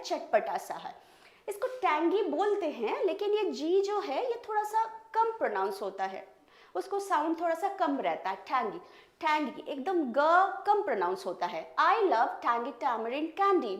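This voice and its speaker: A woman from India with an Indian English accent, teaching vocabulary in a bilingual lesson and repeating words slowly to model their pronunciation. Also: high-pitched. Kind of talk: bilingual classroom lesson, explaining word meanings. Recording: echoey room.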